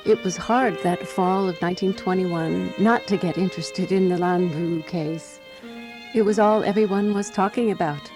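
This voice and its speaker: Over music, a woman with a lowish voice lightly acts the part of a prim, wry Parisian from the 1920s at normal speed. Her first-person radio drama narration is scripted, precise and dryly disapproving, with a reminiscing tone.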